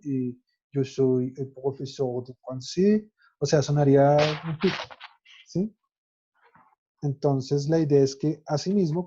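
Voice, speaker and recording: Dark-voiced teacher. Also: male voice, on the high side, dull audio. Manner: methodical, spells out endings letter by letter. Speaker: French teacher. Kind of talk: recorded online grammar lesson.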